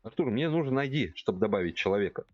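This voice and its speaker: A man's voice: lowish voice, expressive, quick pace, darkish tone, dry recording, dull audio, soft background music. A man in his forties chatting casually with viewers as he plays, thinking aloud and speaking to his chat directly. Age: 40s. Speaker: game streamer. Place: home room at a computer.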